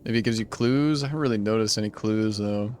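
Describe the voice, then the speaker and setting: A man's voice: lowish voice, fast talker, a little mellow, a little hiss or hum. A male streamer casually thinking aloud while playing a game, rambling and unsure, with lots of "like". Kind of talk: casual gameplay commentary.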